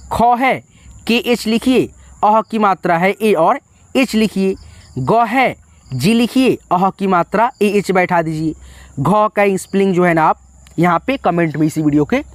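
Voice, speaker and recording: A man teaching an online lesson, explaining step by step and slowing down to spell out letters one at a time. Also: high-pitched, no room sound. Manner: explains step by step, often saying "friends" and "okay".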